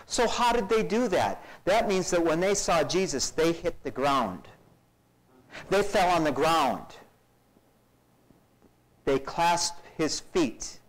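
A man's voice: on the high side, slow pace, pauses often, poor audio. A male pastor preaching a sermon, acting out scenes with shifting voices and dramatic drops to near-whispers. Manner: animated, acts out scenes with varied voices.

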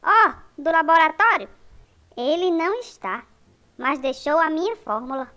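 A woman's voice: high-pitched, expressive, moderate pace, pushed and bright. A woman voicing a cocky, carefree, teasing little boy in a comic-strip cartoon.

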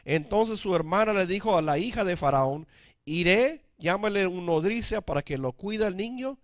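A man's voice: high voice, lively intonation, normal speed, no room sound, studio quality. A male pastor, preaching a sermon, calling out for amens and dropping in English words. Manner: preaching with frequent calls for amen.

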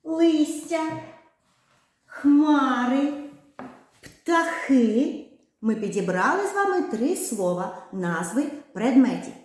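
A woman teaching a speech lesson to small children, drawing out her words in a slow, sing-song way. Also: sits high, sing-song, darkish tone. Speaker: kindergarten teacher. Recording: very echoey room.

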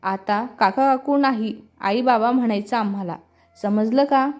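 Woman reading as a calm older father. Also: a little high, measured pace, natural voice. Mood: reassuring. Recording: slightly muffled with soft music.

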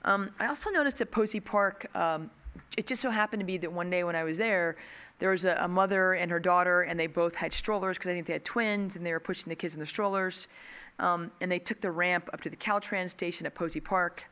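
A woman's voice: lowish voice, fairly quick, bright, forceful tone. A middle-aged woman speaking as a city council member at a meeting, talking conversationally with many ums into a desk mic in a council chamber. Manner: conversational, many ums, gestures with both hands. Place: council chamber, seated at dais. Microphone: desk gooseneck mic.

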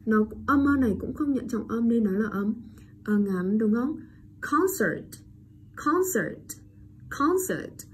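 A woman teacher giving a pronunciation lesson, drawing out and repeating each English word loudly before explaining it. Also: mid-range voice, slight background noise.

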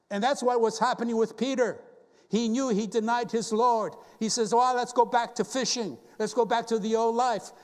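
High-voiced man preaching in a reverberant church. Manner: earnest, rhetorical questions, quoting scripture. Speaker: guest preacher. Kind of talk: sermon. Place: church sanctuary.

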